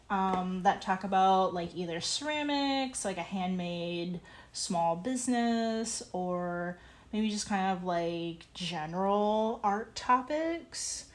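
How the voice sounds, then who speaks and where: A woman streaming her pottery work, chatting casually in a halting way, full of fillers and small laughs. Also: mid-range voice. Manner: halting, many ums and likes, laughs easily. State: hiccuping. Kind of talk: casual live-stream chat while working.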